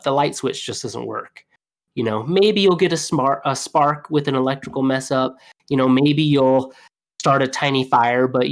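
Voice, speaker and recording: A young man talks shop as a plumber on a podcast, loose and chatty, piling on "you know" as he tells his stories. His delivery is lively and animated, and he laughs easily. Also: mid-range voice. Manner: animated, laughing storyteller with fillers. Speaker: plumber guest. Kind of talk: casual storytelling.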